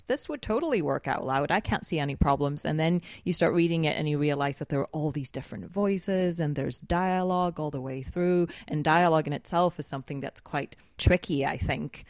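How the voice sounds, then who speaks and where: Chatty woman, low and dry. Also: a little mellow, no echo. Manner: chatty and reflective, quick to laugh. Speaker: podcast co-host and editor. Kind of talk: casual podcast chat.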